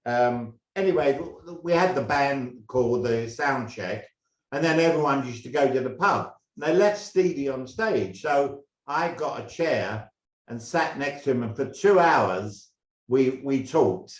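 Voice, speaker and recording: An older man from England, a former drummer, telling stories in a halting, rambling way with many restarts. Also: mid-range voice, animated. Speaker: guest, former band drummer. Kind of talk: casual interview storytelling. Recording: roomy echo.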